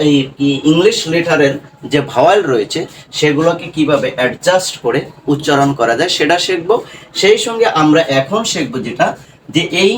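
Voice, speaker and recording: A man with a voice on the high side teaches a classroom lesson on English reading, addressing viewers as his students. He asks questions, answers them himself and often adds "right?". The low-quality recording has him far from the mic with slight background noise.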